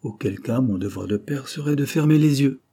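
A man voicing a jovial, boastful old bandit captain who talks in a booming, teasing, theatrical way. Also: fairly quick, warm tone, slightly rough. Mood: mocking.

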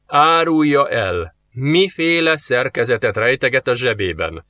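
Smug teasing demon guy in a suit, drawls it out, man reading, bright voice. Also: mid-range voice, animated, no room sound. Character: suave mocking male demon in a suit.

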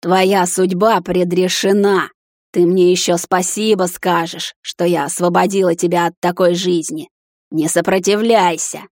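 A woman voicing a sly old female witch with a creaky voice, cooing one moment and shrieking with rage the next. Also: on the low side, level tone, a little slow, darkish tone, no echo, clean studio sound. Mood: furious.

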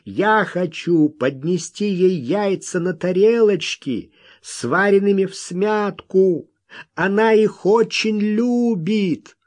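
A hot-tempered miner bursts out in heated, pleading protests, as a man reads him aloud. The voice jumps well above the narrator's usual, loud and swinging wildly. Words come slow and drawn out in the big moments. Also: a little high, very animated, husky, pitched above the performer's own voice, exaggerated voice. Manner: explosive, pleading, blustering.

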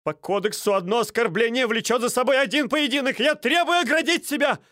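A man voicing an agitated young nobleman who shouts high and fast as he demands a duel. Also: dry recording, studio quality. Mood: indignant. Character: agitated young male duelist, shrill and indignant.

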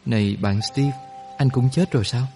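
A man voicing a young male soldier, excitable and panicky, who speaks in loud, fast, alarmed outbursts. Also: mid-range voice, soft background music, close to an everyday voice. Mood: anxious.

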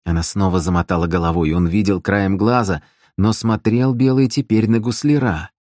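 Man, audiobook narrator, very deep voice, dramatic reading, dry close sound. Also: steady tone, moderate pace, a little mellow, dry recording.

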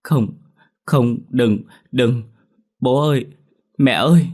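A man's voice: normal speed, husky. A man voicing a frightened little girl who cries and pleads for her mother in a ghost story. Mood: terrified. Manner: high, pleading, crying out.

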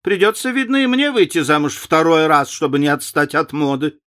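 A man's voice: on the high side, sing-song, normal speed, a bit bright, pitched above the performer's own voice. A man voicing a chatty old society lady who loves matchmaking, gushing and emphatic.

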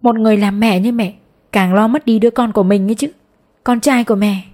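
A woman's voice: fairly even intonation, fast, mellow, close to an everyday voice. A woman reading an audiobook, voicing a distraught middle-aged mother who pleads for her son through tears. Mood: desperate. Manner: sobbing, pleading, raised pitch. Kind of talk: audiobook character voice.

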